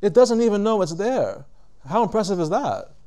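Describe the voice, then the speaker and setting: A man's voice: high voice, big pitch swings, warm tone. A man giving a reflective religious lecture to a live audience, talking conversationally, putting questions to listeners and stopping to rephrase. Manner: deliberate, stops to rephrase.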